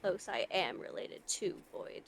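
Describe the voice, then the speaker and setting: A woman's voice: lowish voice, expressive, unhurried, slight background noise. A woman role-playing a shopkeeper in a game, speaking in a dry, matter-of-fact way and now and then dropping out of character to swear. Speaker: role-play player as a shopkeeper.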